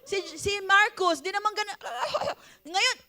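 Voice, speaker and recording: Bright, animated Filipino woman preacher. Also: high voice, a little slow. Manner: animated, playful, laughs often, asks the crowd "Hello?". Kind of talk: Taglish sermon.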